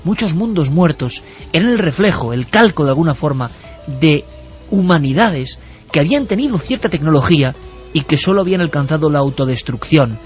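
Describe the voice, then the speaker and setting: A man's voice: on the high side, animated, a little fast. A man hosting a radio talk show, speaking in a reflective, lyrical way to his listeners. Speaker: radio host. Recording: dull radio audio with faint music.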